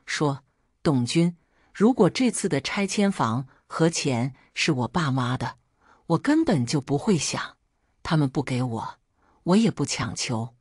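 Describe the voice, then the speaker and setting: Woman reader as a weary, resigned daughter, low and breathy, quietly firm. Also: very animated, measured pace, no room sound, clean studio sound, exaggerated voice. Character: weary middle-aged daughter, hurt but firm.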